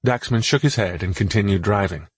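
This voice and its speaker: A man reads a fantasy audiobook in a steady, measured way. His voice is low and slightly husky. It is recorded close and dry, with no room sound. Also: no room sound. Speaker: audiobook narrator. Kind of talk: scripted narration.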